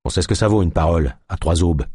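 A man's voice: low-pitched, quick pace, warm tone, slightly rough, dry recording, studio quality. A man voicing a coarse, crude jail guard who grumbles in slangy talk. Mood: gruff.

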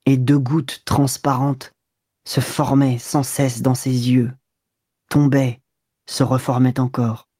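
A woman reading a novel aloud in measured, unhurried literary narration. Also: a bass voice, level tone, warm tone, husky, no room sound, clean studio sound. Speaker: audiobook narrator. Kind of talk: scripted narration.

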